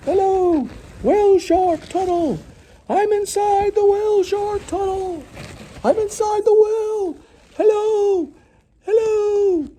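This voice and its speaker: A man voicing a talking whale shark toy tunnel that speaks from inside the whale, in a very high, squeaky put-on voice. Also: warm tone, slight background noise. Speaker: vlogger.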